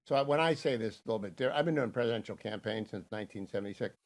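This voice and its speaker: A man in his sixties hosting a radio talk show, hoarse from laryngitis, brisk and opinionated. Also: fairly low pitch. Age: 60s. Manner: brisk, opinionated, reads ad copy.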